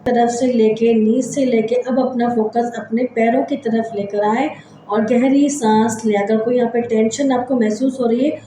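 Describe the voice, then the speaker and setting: A woman hosting a psychology channel, gently leading listeners through a body scan meditation with slow, repetitive step-by-step guidance. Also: on the high side, fairly even intonation, very echoey, a little hiss or hum, low-quality recording.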